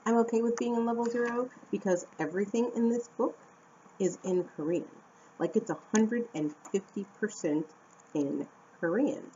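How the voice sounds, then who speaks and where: A young American woman from Arizona chatting casually to camera at home, animated and talkative. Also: medium pitch, normal speed. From Phoenix, Arizona, USA. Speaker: vlogger and English teacher. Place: at home indoors. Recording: dull lo-fi camera audio with faint room noise.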